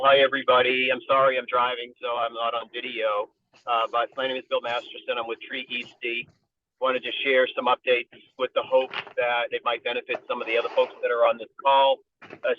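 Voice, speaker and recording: A man calling in by speakerphone while driving his car, giving a steady, informative update to a community meeting with frequent ums. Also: mid-range voice. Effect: car speakerphone call. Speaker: community tree group volunteer. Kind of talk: meeting update over a call. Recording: tinny phone line with faint car noise.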